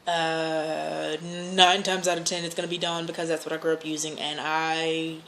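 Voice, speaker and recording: A woman's voice: low-pitched, level tone, moderate pace, a bit bright. An American woman chatting casually and answering questions, rambling and hesitant as she corrects herself. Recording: noticeable background noise.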